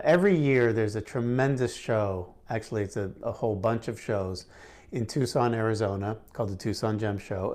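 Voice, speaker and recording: A middle-aged man with a lowish, darkish voice hosts a casual gemstone lesson, answering questions to camera. He's a friendly, chatty instructor who often uses fillers and restarts his sentences.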